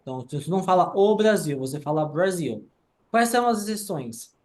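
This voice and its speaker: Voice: medium pitch, expressive, fairly quick, a little mellow. A teacher talks through grammar rules one at a time. The delivery is methodical, with frequent short check-ins to the class. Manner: explains rules step by step, often ends with "tá?". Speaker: English teacher.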